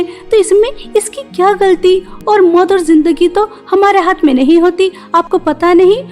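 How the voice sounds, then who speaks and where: A woman voicing a loyal, spirited young woman in an animated story, earnest and firm as she speaks up for her sister. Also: extremely high pitch.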